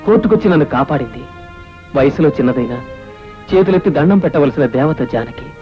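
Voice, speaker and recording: A man's voice: a little high, lively intonation, fast, close to an everyday voice. An actor playing a remorseful, confessing man. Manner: contrite, subdued. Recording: dull old film soundtrack with music.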